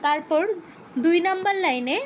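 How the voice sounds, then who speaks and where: A woman teaching an online class, slowly chanting verses to drill pronunciation and patiently quizzing her students with corrective questions over a video call. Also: sits high, slight background noise.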